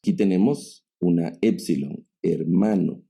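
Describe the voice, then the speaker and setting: A man's voice: low-pitched, unhurried, vocal fry, warm tone. A man giving a Greek grammar lesson, speaking in a patient, explanatory way and addressing his students directly. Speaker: Greek teacher. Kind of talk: online class lecture.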